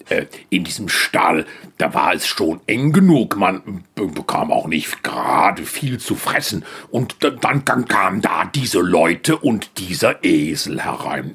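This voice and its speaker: A man's voice: low voice, fairly bright tone, breathy edge, heavily acted. A man voicing a grumpy, cramped male ox who grumbles and stammers, in a storybook. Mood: grumbling.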